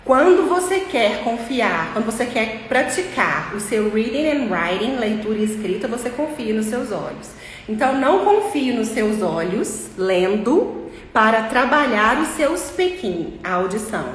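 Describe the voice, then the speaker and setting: A Brazilian woman with a slightly high voice gives an informal English lesson. She explains patiently and step by step, repeating her key points. Her voice rings in an echoey room with a long reverb tail and faint ambience behind it. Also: very animated, a little slow, slight background noise. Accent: Brazilian Portuguese. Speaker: English teacher.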